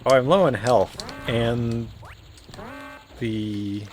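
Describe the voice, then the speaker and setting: A man's voice: mid-range voice, very slow, darkish tone, a little hiss or hum. A man with an Ontario Canadian accent, chatting casually and rambling while he streams a game. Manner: rambling, musing, many fillers and restarts. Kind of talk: casual commentary while playing. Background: faint game music.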